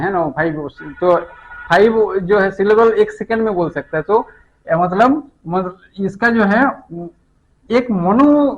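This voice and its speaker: Male physics teacher, middle-aged, fairly high voice, patient step-by-step explainer. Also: dull audio. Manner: explains step by step, often checks with "है ना?". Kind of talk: classroom lecture.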